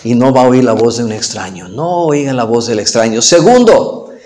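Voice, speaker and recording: A man's voice: medium pitch, lively intonation, moderate pace, a little mellow, echoey room. A man preaching a sermon as pastor. He reads scripture aloud, then turns to the listeners with emphatic, rising exhortations.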